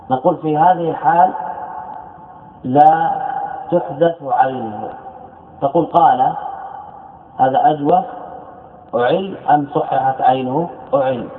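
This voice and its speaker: A man teaching a classroom lesson, explaining by repeating his points and asking himself questions. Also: on the high side. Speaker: teacher of Arabic morphology. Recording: echoey hall over a tinny phone-like line.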